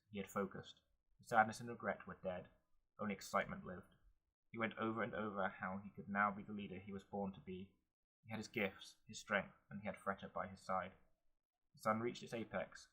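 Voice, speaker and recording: A man reading a fantasy novel aloud in a steady, earnest manner. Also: on the low side, breathy edge, poor audio. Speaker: audiobook narrator. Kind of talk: audiobook narration.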